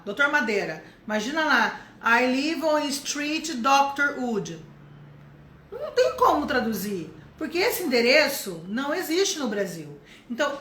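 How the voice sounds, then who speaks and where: A Brazilian woman teaching English to adults in a live online lesson, chatty and explaining step by step, saying the English phrases slowly. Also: on the high side, fairly bright tone. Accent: Brazilian Portuguese. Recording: echoey room with faint noise.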